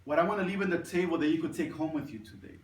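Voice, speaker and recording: A man's voice: a little high, very fast. Earnest forty-year-old man speaking in an echoey room. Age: 40s. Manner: earnest, repeats words often. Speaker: club speaker. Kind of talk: prepared speech. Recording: echoey room, mic far off.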